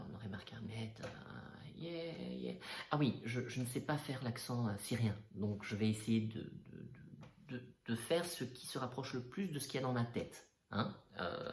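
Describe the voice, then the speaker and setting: Joking male coach in an echoey room. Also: medium pitch. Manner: joking, self-mocking, lots of fillers and restarts. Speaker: NLP coach. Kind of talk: casual comic monologue.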